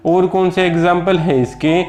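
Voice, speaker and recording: A man's voice: high voice, fairly even intonation, moderate pace, a little mellow. A man with an Indian accent teaching a lesson, patiently repeating each example word and addressing his viewers as children. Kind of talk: slow explanatory lesson.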